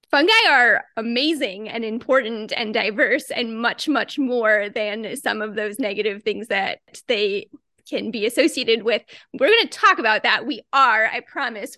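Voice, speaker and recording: A woman's voice: a little high, bright, forceful tone, no echo, clean studio sound. A woman co-hosting a podcast in casual chat, leading the conversation with a chatty, laughing manner. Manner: chatty, leads the topic with frequent laughs. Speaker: podcast co-host.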